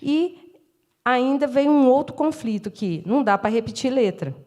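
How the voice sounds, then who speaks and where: This Brazilian Portuguese-accented professor of education, middle-aged, lectures in a high, animated, darkish voice at a moderate pace. Working through her points step by step in a lecture room, she dramatizes classroom exchanges and keeps adding tag questions.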